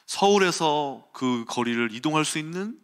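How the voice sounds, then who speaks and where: Male preacher, bright and forceful tone, animated storyteller who acts out scenes. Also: fairly high pitch, moderate pace, clear, resonant tone. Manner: animated storytelling, acts out quotes and sounds, chuckles. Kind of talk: early-morning sermon with personal storytelling.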